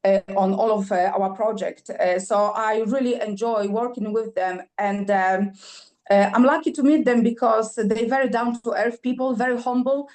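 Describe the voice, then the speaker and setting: This is a podcast interview with a Polish woman who writes and sings her own songs. Her voice runs on the high side and is a little mellow, with fairly even intonation, and she speaks keenly but haltingly, native Polish, with many fillers, repetitions and restarts.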